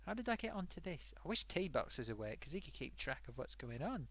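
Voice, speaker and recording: In a slightly high, sing-song, fairly quick and bright full character voice, a man plays a chatty sock puppet host in a comedic live-stream monologue. The puppet rambles off topic and addresses viewers as the man's throat grows sore.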